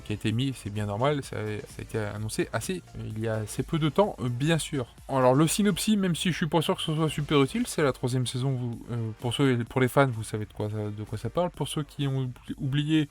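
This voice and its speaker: A man with a French accent giving casual anime news commentary, rambling with lots of fillers and restarts. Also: mid-range voice.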